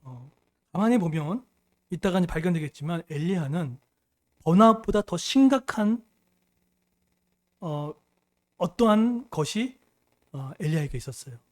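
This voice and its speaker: A man's voice: high voice, expressive, normal speed, pauses often. A middle-aged male pastor preaching a sermon, emphatic, often putting questions to the congregation.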